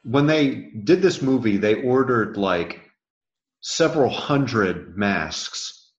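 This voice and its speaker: A man casually chatting through a movie commentary, relaxed, explaining film trivia. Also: medium pitch, takes it slowly, echoey room, lo-fi sound. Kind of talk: casual movie watch-along chat.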